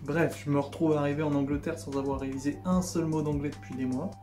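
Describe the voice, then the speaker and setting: A man's voice: fairly high pitch, fairly even intonation, fast talker. Sarcastic young Frenchman, echoey room. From France. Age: young adult. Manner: sarcastic, mock-indignant. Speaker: vlogger. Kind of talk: comic vlog monologue. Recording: echoey room, faint background music.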